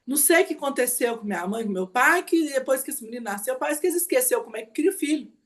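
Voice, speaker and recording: A woman giving a class as a mentor. She tells personal stories in a chatty, animated way and keeps asking her listeners questions. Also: high voice, fast. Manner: animated, chatty, often asks the audience 'né, gente?'. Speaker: mentor teaching an online class. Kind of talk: teaching talk with personal stories.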